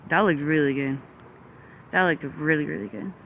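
A woman's voice: sits low, normal speed, creaky. Easygoing woman chatting on a golf course. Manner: easygoing, playful remarks about the scenery. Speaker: girlfriend along for the round. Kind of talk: casual chat. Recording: loud outdoor noise.

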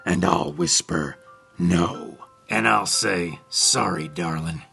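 Rorschach: a man doing a gravelly grim vigilante. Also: deep voice, slow, faint music behind, full character voice. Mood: deadpan. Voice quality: gravelly, clipped deadpan monotone. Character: grim masked male vigilante, terse and paranoid. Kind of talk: comedy parody sketch.

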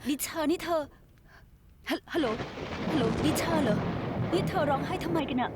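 A woman's voice: high-pitched, normal speed, lightly acted. An actress dubbing a caring woman who anxiously coaxes a crying friend on the phone in a drama. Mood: worried. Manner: anxious, coaxing. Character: worried caring older-sister woman on phone. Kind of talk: Thai dubbed drama. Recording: noisy soundtrack behind dialogue.

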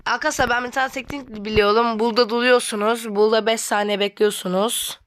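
A female gamer giving excitable let's-play commentary, talking straight to her viewers and breaking into loud frustrated outbursts. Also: fairly high pitch, brisk, a little hiss or hum. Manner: excitable, keeps addressing viewers as friends.

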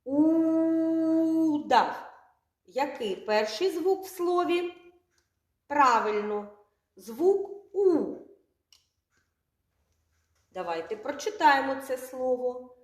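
A woman teaching young children their first letter sounds, stretching words out slowly and asking the class questions. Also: high voice, sing-song. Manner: slow, drawn-out sounds, asks children questions. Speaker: kindergarten teacher. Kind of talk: literacy lesson for young children. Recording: echoey room, from far off.

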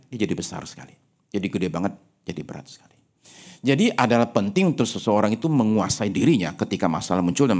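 A male pastor preaching a sermon with animated, humorous, personal storytelling, dropping English phrases into his speech. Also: mid-range voice. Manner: animated preaching with frequent rhetorical asides.

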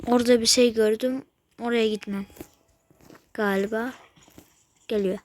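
A woman giving gameplay commentary as a channel host, with jumpy, scared exclamations and slow, halting talk. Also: on the high side, fairly even intonation, darkish tone.

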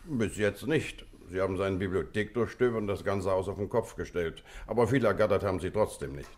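An actor playing an affable old-school army colonel in a German radio play, hearty and chatty. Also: male voice, low voice, fairly quick, darkish tone. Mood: chatty, recounting. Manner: hearty, chatty, clipped tag questions.

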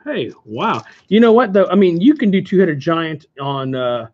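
A playful man with an Oklahoma twang, a touch high in pitch, cracking jokes as he sells cards on a live stream. The audio is dull and lo-fi, like a cheap stream mic. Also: very animated, moderate pace, a little mellow. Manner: jokey, playful hawking. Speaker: game store host. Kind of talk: live stream card sale chat. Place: game store.

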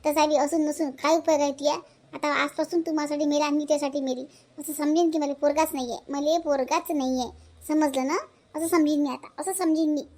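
A woman's voice: high voice, fairly even intonation, fairly quick, a little mellow, close to an everyday voice. A woman with a Vidarbha Marathi accent voicing a fierce, scolding widowed village mother in a cartoon. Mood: furious scolding. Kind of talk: cartoon voice acting.

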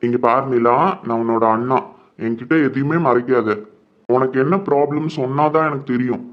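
Brief: young man as a steady, reassuring big brother, mid-pitched, dull lo-fi recording. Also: moderate pace, lightly acted. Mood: concerned. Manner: reassuring, calm.

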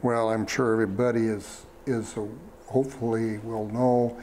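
A man, speaking slowly with many fillers and restarts as a fair superintendent in a studio interview. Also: lowish voice, flat delivery, a little mellow, slight background noise. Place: small TV studio. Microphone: lapel mic.

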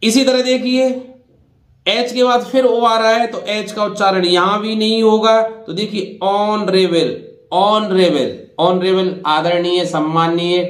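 Veteran male tutor in his fifties, high voice, unhurried lesson delivery, echoey room with faint music. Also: steady tone. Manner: slow, patient explaining with frequent "dekhiye" and "bhai". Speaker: English teacher. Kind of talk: Hindi-medium English pronunciation lesson.

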